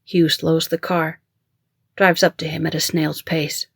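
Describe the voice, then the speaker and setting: An author reading their own mystery-thriller audiobook in first person, with a measured, even storytelling manner, recorded close to the mic. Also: mid-range voice, gravelly, slightly rough, no room sound. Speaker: author and narrator.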